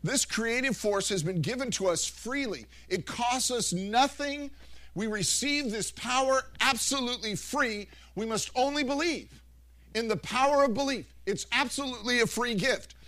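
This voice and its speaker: A middle-aged man preaching a sermon through animated stories, with frequent restarts and self-corrections. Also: very high voice, normal speed. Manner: rambling, animated storytelling with many restarts. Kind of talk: anecdotal sermon.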